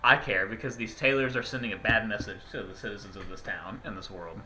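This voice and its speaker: A man's voice: lowish voice, fast talker, bright, forceful tone, slight background noise, rough recording. A man playing a tabletop game, teasing and laughing with friends. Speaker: player. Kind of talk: casual tabletop game chat.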